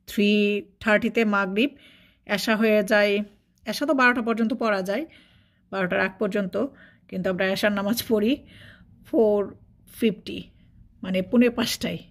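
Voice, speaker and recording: A woman's voice: mid-range voice, a bit bright. Chatty woman vlogging from home. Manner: chatty, repeats herself, mixes in English words. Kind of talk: casual vlog narration. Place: indoors at home, filming out a window.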